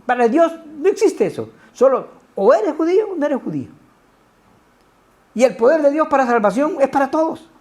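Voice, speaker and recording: A man preaching a lively sermon, his pitch swinging widely from line to line. His tone is mellow and dark, and he keeps tossing quick rhetorical asides at the congregation. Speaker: pastor.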